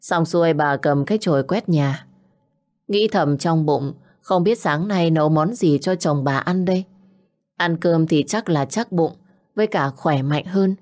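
A woman narrating a village tale in a slow, measured, dramatic storytelling manner. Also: low-pitched, darkish tone. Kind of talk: scripted audio story narration. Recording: faint background music.

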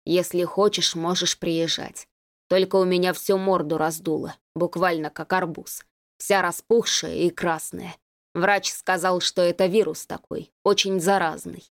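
A woman voicing a man who fakes a hoarse, rough, sick voice, speaking curtly. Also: lowish voice, little pitch movement, unhurried. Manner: gruff, curt, hoarse.

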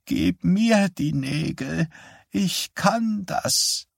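A man voicing a frail old mother dying after a stroke, her voice dry, rough and rattling, whining and fading to a whisper. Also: high voice, expressive, very slow, no echo, voice pushed up, full character voice. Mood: weak, whining. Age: older.

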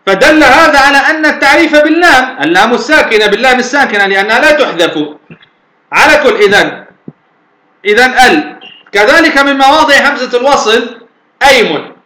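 A man's voice: very high voice, lively intonation, brisk, bright, forceful tone. A man teaching as a sheikh in a recorded lecture, patiently explaining and posing then answering his own questions. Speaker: sheikh teaching Arabic morphology. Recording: echoey room.

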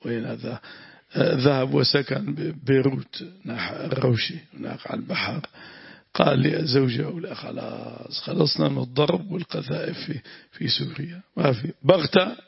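Sheikh, gravelly husky voice, lesson with prayers, dull lo-fi sound. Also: male voice, mid-range voice, normal speed, no room sound. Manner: explains grammar, breaks into prayers. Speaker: sheikh teaching tafsir. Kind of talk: religious lesson with supplications.

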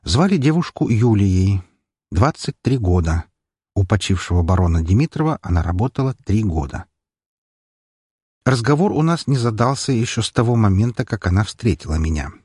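A man reads a first-person audiobook in a measured, wry way. His voice sits low and husky, and the sound is dry and close to the mic. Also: sing-song, darkish tone, dry recording. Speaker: audiobook narrator.

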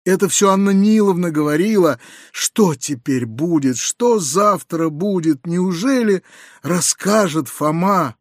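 A man reading an audiobook, voicing an anxious, kindly middle-aged uncle who confides in hushed, lowered tones with hurried outbursts. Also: lively intonation, no room sound, clean studio sound. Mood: desperate.

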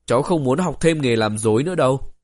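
A man voicing a polite, respectful young man in an audiobook, talking in a quick, politely refusing way. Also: medium pitch, expressive, a little mellow, no room sound, clean studio sound, lightly acted.

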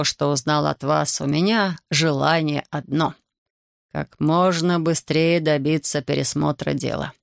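A man's voice: fairly high pitch, gravelly, clear, resonant tone, dry recording, studio quality. A man reading the lines of an indignant male investigator who argues defensively and later turns weary and sympathetic. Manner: offended, argumentative, later weary.

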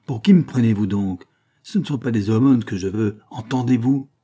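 A man's voice: medium pitch, lively intonation, normal speed, mellow, breathy edge, pitched above the performer's own voice. A man reading a novel aloud voices a bitter, menacing husband, sarcastic and vehement, his voice raised above his narration. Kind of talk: audiobook character reading.

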